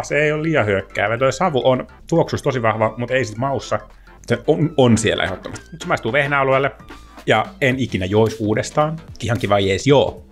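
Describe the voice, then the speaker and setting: A man with a fairly low voice talks through a beer tasting in a relaxed, chatty way. He thinks aloud between sips. Faint music plays in the background. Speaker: beer reviewer. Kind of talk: casual tasting review.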